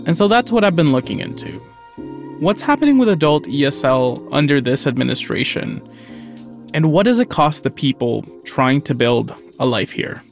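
A man reporting on a news podcast, explaining his findings steadily. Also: fairly high pitch.

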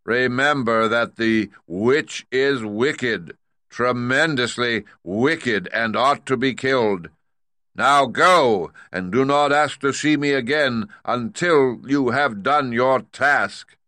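A man voicing a booming, stern magic head. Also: no room sound. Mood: commanding. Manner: slow, commanding, loud.

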